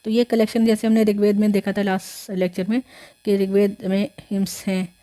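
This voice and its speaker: Mellow-voiced woman teaching history. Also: medium pitch, flat delivery, brisk. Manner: explains step by step with many fillers and restarts; mixes English words into her talk. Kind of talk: explaining lecture.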